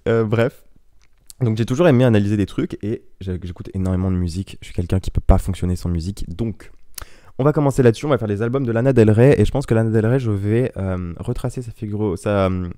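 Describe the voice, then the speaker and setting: A man's voice: fairly low pitch, fast talker, mellow, dry recording, studio quality. A young man hosting his own podcast, chatting casually in a rambling, digressive, self-mocking way into an old microphone. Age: young adult. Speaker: podcast host. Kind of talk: casual solo podcast chat. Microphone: ten-year-old microphone.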